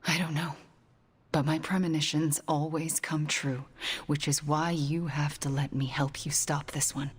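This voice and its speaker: In a video game cutscene, a woman plays a guilt-ridden but determined young sorceress, speaking softly and earnestly with breathy phrase endings. Her voice is low-pitched and level in tone, and she's unhurried.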